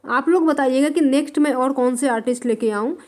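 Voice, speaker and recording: Woman, high voice, exam-prep art lecture, slow repeated terms. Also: a little mellow. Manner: writes on a board while dictating; repeats terms slowly for note-taking. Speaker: art teacher.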